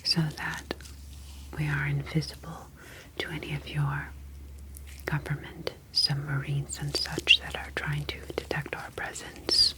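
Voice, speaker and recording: This low, breathy whisper comes from a woman portraying a composed, clinical ocean alien scientist for an ASMR science-fiction roleplay. She chooses careful, formal phrases while apologizing and explaining. The audio quality is poor.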